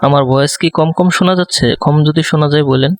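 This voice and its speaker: A man giving a design tutorial, speaking softly close to the microphone and thinking aloud with many fillers. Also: on the high side, fairly even intonation, fast, no echo. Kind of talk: live screen-recorded tutorial.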